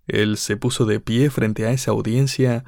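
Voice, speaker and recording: A man preaching a sermon in a measured way, reading scripture aloud and building emphasis with rhetorical questions. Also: fairly low pitch, steady tone, gravelly, darkish tone, no echo, clean studio sound.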